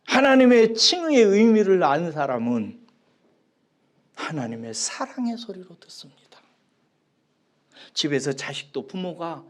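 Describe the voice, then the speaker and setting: A male pastor preaching a sermon, dropping to hushed whispers and rising to emphatic, raised lines. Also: high-pitched.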